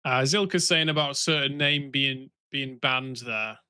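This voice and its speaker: Speaking a little slowly, this stream co-host casually reads out chat and chats with viewers during a game stream. His mid-range voice is bright, forceful, and smooth, with no room sound, and his manner stays easygoing.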